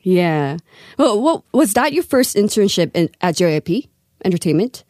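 A young woman from Korea hosting a casual podcast chat, lively and quick to laugh. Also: medium pitch, no echo, clean studio sound. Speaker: podcast host.

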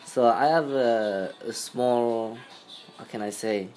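A young Frenchman with a French accent appears as a podcast guest, speaking English as a second language in casual conversation. His medium-pitched, slightly mellow voice moves slowly, hesitating as he searches for words, with faint music in the background.

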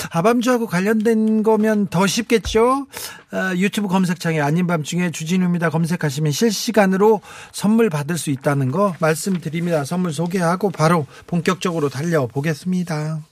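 A man's voice: sits high, fairly quick, dry recording. A middle-aged man hosting a late-night radio show, chatting playfully and reading out listener messages. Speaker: radio host. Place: radio studio.

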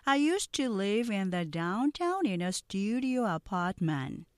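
A woman teaching English pronunciation, explaining points and then saying phrases slowly and carefully so learners can repeat them. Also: medium pitch, big pitch swings, clear, resonant tone, no echo, clean studio sound. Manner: slow, careful drills spoken for learners to repeat; switches between explaining and modeling phrases.

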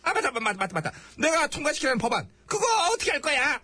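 A woman's voice: high voice, very animated, fast talker, bright, forceful tone, no room sound, full character voice. A woman playing a petulant, short-tempered, self-important king in a satirical comedy sketch, scolding and whining sarcastically. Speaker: podcast comedy host.

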